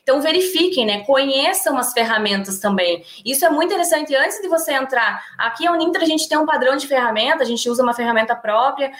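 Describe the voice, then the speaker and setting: A woman professor talking in a lively class discussion, often adding tag questions and acting out quoted lines. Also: high-pitched, quick pace, few pauses, reverberant. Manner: animated, tag questions, acts out quoted speech. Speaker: university professor.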